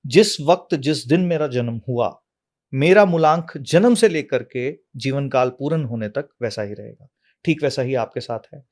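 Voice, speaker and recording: A man, an astrology expert, explaining at length in an interview, calmly and like a teacher, asking questions and then answering them himself. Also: medium pitch, normal speed. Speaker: astrology and numerology guest expert.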